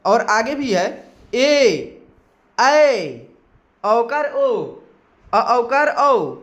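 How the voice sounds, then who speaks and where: High-voiced man teaching spelling slowly. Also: a bit bright. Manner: slow, spells out letters one by one, keeps asking "kya doston?". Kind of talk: screen-recorded Hindi spelling lesson.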